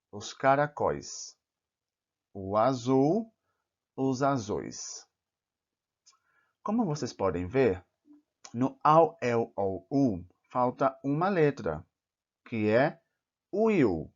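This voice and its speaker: A man teaching plural rules in a careful lesson, saying each example word slowly and clearly. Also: medium pitch. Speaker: Portuguese teacher. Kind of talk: slow, deliberate grammar lesson. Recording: dull, slightly lo-fi recording.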